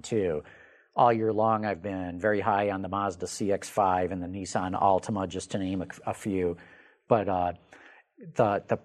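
Male talk show host, low-ish voice, eager and chatty, studio setting. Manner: enthusiastic, repeats words when excited. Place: studio showroom.

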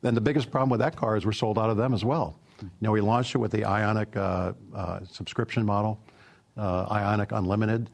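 In an interview, a middle-aged man who works as a product executive at a car company tells stories in an easygoing way, using lots of fillers. His voice is fairly low and creaky, and he talks a little fast.

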